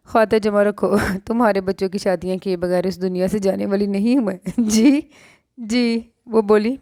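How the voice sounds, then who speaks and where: A woman with a Pakistani Urdu accent narrates a romance novel in a lowish voice, reading every character herself. She raises her pitch when the characters speak. The recording is dry and close, with no room sound. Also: darkish tone, no room sound. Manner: reads all characters in her own voice, lifting pitch for dialogue.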